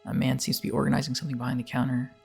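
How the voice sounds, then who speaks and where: Man narrating a game playthrough, gravelly voice, quick pace, reads menu choices aloud. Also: mid-range voice, flat delivery, faint music behind. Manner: reads on-screen text and dialogue choices aloud. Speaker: let's play narrator. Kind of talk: let's play commentary.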